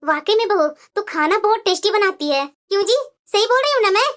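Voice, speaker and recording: A woman's voice: very high-pitched, animated, a little fast, fairly bright tone. A woman voicing a stern, bossy middle-aged mother-in-law in a cartoon, lecturing and scolding her daughters-in-law. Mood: praising. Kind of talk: cartoon voice acting.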